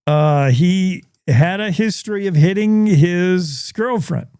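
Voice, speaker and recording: Slow-talking folksy man. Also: sits high, darkish tone, clean tone, no echo, studio quality. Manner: folksy, repeats his points. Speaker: news show host. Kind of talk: opinionated news commentary.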